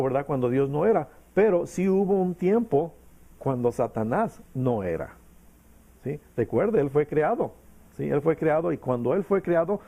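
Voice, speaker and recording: Gravelly, mellow-toned male preacher. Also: mid-range voice. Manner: emphatic, checks in with frequent "¿sí?"; reads scripture slowly, teaches with examples. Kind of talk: sermon.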